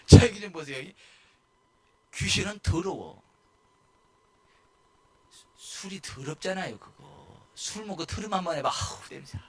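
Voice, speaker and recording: A male pastor giving a lively sermon in a church, rising to shouts and acting out the people in his stories. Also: sits high, a little slow, gravelly, long pauses, breathy edge. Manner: animated, shouting at peaks, mimicking people.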